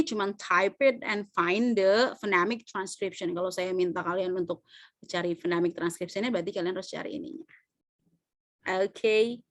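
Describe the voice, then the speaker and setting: A woman's voice: mid-range voice, sharp tone, no echo, studio quality. A woman teaching English pronunciation in an online class, chatty, mixing languages and checking that students follow. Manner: switches between Indonesian and English, often checks students follow; chatty and loose, with many fillers. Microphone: video call.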